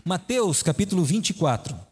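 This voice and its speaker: A man preaches to a congregation with a fairly high voice, chatty and full of questions to the room. Long reverb from the church hall trails each phrase. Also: expressive, normal speed, slightly rough. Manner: conversational, asks the audience questions. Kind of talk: sermon.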